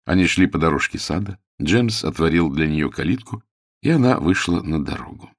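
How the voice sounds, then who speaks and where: A male audiobook narrator with a deep, low voice, reading in a measured and expressive way. The recording is close and dry, with no room sound. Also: no echo.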